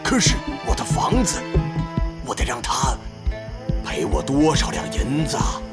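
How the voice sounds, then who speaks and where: A haughty vindictive prince. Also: male voice, medium pitch, huge pitch swings, measured pace. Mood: aggrieved. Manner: haughty, blustering. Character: arrogant vindictive middle-aged male prince. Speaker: scheming prince. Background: dramatic score music.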